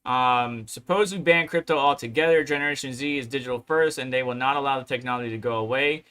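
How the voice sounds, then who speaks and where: A man's voice: medium pitch, fast, bright, forceful tone, clear, resonant tone. A man hosting a casual livestream, reading articles and chat aloud and rambling in asides. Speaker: crypto livestream host.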